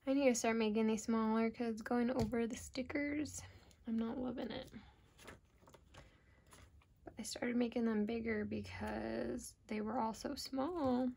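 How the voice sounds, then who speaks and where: Slow-talking, creaky-voiced woman with American accent. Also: a little high, fairly even intonation, a little mellow. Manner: informal, self-deprecating, trails off mid-thought. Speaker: planner vlogger. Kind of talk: casual rambling plan-with-me chat.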